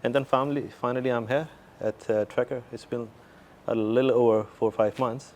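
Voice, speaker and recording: A man's voice: medium pitch, steady tone, a little fast, slight background noise. A middle-aged man with a Pakistani accent, giving conversational answers as a company executive in an interview. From Pakistan and the Middle East, mainly Saudi Arabia. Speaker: interview guest, company CEO.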